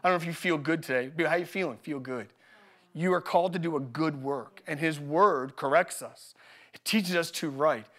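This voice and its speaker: A man with a high, bright-sounding voice preaches at a live church service. He talks with energy and humor, repeating his main lines so they stick. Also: normal speed. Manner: energetic, joking, repeats key phrases. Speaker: pastor. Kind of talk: live sermon with personal stories.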